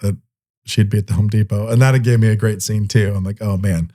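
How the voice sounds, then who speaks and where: A man co-hosts a podcast in loose, casual conversation. He rambles and laughs easily, with a lowish, mellow voice. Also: steady tone, fast talker. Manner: rambling, laughs often, chatty. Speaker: podcast co-host. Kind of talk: casual chat.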